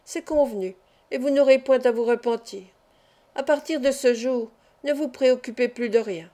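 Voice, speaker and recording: Woman reader as measured, serious male doctor, mellow tone, a bit high. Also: natural voice. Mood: reassuring. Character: kind, serious, wealthy middle-aged male doctor.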